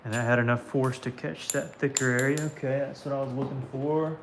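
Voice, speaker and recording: A man's voice: mid-range voice, steady tone, a little fast. Southern American man, casual live-stream host, chatty and easygoing, heavy knocking noise in the background. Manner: chatty, talks to viewers by name while working. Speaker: livestream host. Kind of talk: casual live-stream chat while flintknapping. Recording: clicks and knocking of stone work.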